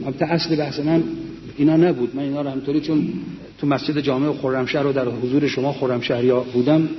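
A man's voice: medium pitch, little pitch movement. Older man telling war memories, echoey hall. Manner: earnest storytelling, quoting comrades. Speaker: war veteran speaker. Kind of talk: memoir talk to a mosque audience. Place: large mosque hall. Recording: echoey, dull lo-fi hall recording.

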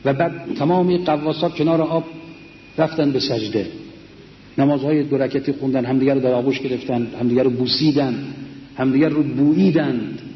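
A man's voice: mid-range voice, a little hiss or hum. An older man, a war veteran, earnestly telling memories of his comrades to a mosque audience. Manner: earnest storytelling, quoting comrades. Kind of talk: memoir talk to a mosque audience. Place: large mosque hall. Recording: echoey, dull lo-fi hall recording.

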